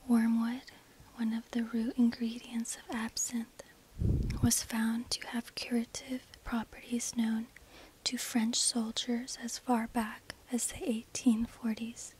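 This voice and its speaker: A woman narrating a script in a breathy, unvoiced ASMR whisper, measured and deliberate, close on a binaural microphone. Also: on the high side, darkish tone, poor audio. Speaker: narrator of an ASMR history video.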